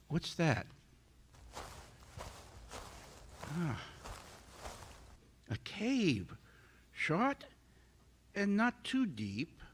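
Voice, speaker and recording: An actor playing an arrogant, bitter invisible scientist in a radio-style drama, speaking in haughty, theatrical, formal language. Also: male voice, mid-range voice, background noise, exaggerated voice. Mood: scheming. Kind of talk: radio-style stage audio drama acting.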